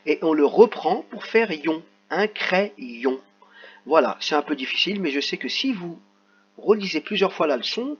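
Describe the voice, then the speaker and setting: A man teaching a reading lesson to young children, sounding out letters and stretching words slowly. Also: on the high side, fairly bright tone, slightly rough. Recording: slightly dull lo-fi sound.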